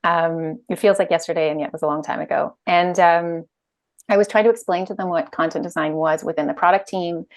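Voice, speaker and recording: Speaking a little fast in a lowish voice with fairly even intonation, a woman in her thirties joins a video-call interview as a guest. The UX director and author, from Ireland and Canada, talks casually with many fillers and restarts, using an earphone mic in a bright room at home.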